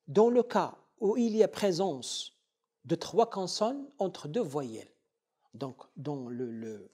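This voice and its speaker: Slow, husky-voiced male professor lecturing. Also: a little high, a little mellow. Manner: deliberate, repeats and spells out syllables as examples. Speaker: university professor. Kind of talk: university lecture.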